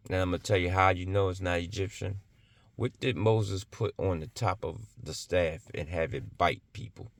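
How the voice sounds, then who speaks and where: Man in a blunt, emphatic religious monologue. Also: deep voice. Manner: emphatic, rhetorical questions, blunt and profane.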